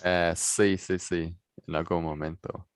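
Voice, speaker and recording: New zealand guy hosting, english native, really low voice, asks lots of questions. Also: level tone, slow pace, clean tone, no room sound, studio quality. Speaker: host. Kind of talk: casual interview.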